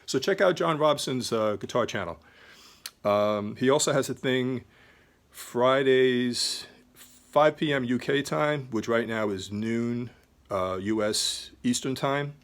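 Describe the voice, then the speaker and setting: A man's voice: medium pitch, takes it slowly. An older man hosting a guitar video, talking casually and meandering with many ums and restarts. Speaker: guitar channel host. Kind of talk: casual rambling talk to camera.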